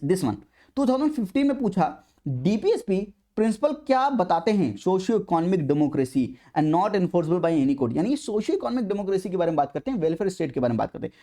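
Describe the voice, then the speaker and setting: A man's voice: high-pitched, mellow. A young man giving an exam prep lecture in a mix of Hindi and English, stressing points by repeating them. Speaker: exam coaching teacher.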